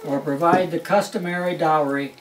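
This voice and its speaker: Crowd noise surrounds an older man as he reads a Christmas story to his family at home, sounding wry and amused. He has a fairly high voice with a steady tone and a normal pace, captured in a roomy, distant home recording.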